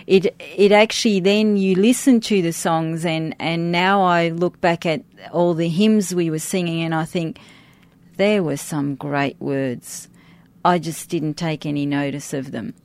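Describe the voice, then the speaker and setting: A middle-aged woman who grew up outside Australia, with English as her second language, talks informally as an interview guest, pausing and rephrasing as she thinks aloud; she serves on a church worship team. Her somewhat low voice is steady and a little mellow, recorded dry with hardly any room sound and no echo.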